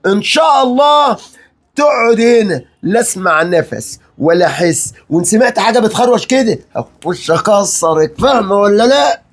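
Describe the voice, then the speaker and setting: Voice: mid-range voice, sing-song, normal speed. A performer playing a cruel middle-aged father-in-law in a comedy sketch, with an Egyptian accent and a mocking, threatening manner. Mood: ranting. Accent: Egyptian Arabic. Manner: barking threats, mocking repeats, rambling rants.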